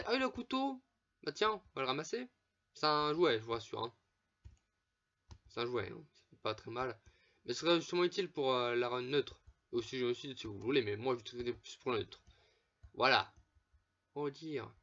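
A man gives loose, chatty commentary while he plays, swearing freely and laughing between remarks. His voice sits at an ordinary middle pitch. The recording is a bit dull and lo-fi, with mouse clicks in the background. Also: animated, normal speed, pushed and bright. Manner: swears often, laughs, chatty asides to viewers. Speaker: gameplay commentator. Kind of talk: casual let's play commentary.

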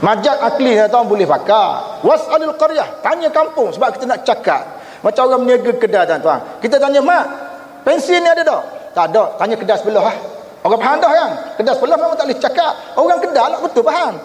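A man's voice: extremely high pitch, fast talker. A Malaysian man giving a religious seminar lecture, telling stories with acted-out quoted voices and often addressing the audience directly. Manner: animated storytelling, acts out quoted voices, addresses audience as tuan-tuan. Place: seminar hall. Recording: echoey hall, faint room noise.

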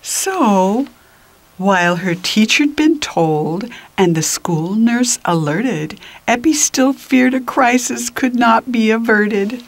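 An older woman reads a children's picture book aloud, expressive and deliberate, dropping into whispers and adding little asides to her listeners. Her voice is on the high side, and the recording is dry.

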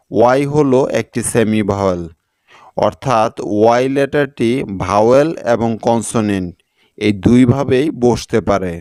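A man teaching an English spelling lesson, slowly spelling out words letter by letter and syllable by syllable, speaking patiently to his viewers. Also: mid-range voice, a little mellow, smooth, dry recording, clean studio sound. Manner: addresses viewers directly and patiently.

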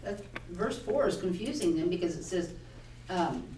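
A woman's voice: fairly low pitch, expressive, moderate pace, dark tone, a little hiss or hum. A woman in a Bible study group voices her confusion about a verse, working it through aloud. She is some distance from the mic, so she sounds faint and off to the side. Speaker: class member. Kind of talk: classroom discussion.

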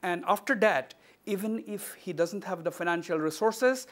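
A man's voice: high voice, moderate pace, a bit bright. A middle-aged man with an educated Indian accent, questioning formally and courteously as a television talk show host. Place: indoor office set.

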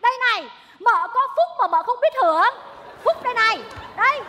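A woman's voice: expressive, fairly quick, background noise. An actress playing a domineering, wealthy old mother-in-law who scolds and wails theatrically on a stage. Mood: lecturing. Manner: shrill, theatrical scolding and wailing. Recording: stage recording with long hall reverb.

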